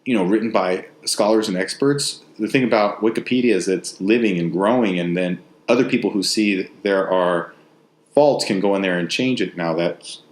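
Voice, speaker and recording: Male host, West Texas twang, lowish voice, casual and anecdotal, recorded in an echoey room. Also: normal speed. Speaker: novelist and host. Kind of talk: casual, rambling spoken monologue. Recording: roomy, echoey sound.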